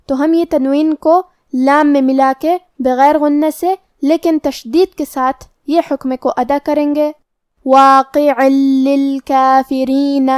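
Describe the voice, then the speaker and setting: A woman teaching Quran recitation rules, explaining each letter and rule calmly and step by step. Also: sits high, dry recording, studio quality. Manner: calm, methodical step-by-step explanation. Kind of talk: explaining tajweed rules in Urdu.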